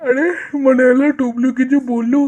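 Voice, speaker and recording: A woman's voice: high-pitched, level tone, normal speed, darkish tone. A woman voicing an easygoing older brother in a doll cartoon, speaking mildly and apologetically. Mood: puzzled.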